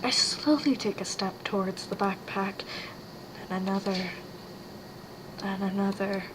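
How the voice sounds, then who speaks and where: Woman storyteller, hushed and half-whispered, unhurried pace, steady background noise. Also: medium pitch. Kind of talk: spooky second-person narration.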